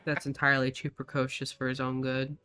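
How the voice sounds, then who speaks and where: A man's voice: mid-range voice, monotone, fairly quick, sharp tone, smooth. Chatty man telling a family story. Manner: chatty storyteller, swears casually. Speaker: co-op gaming partner. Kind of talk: casual gameplay chat.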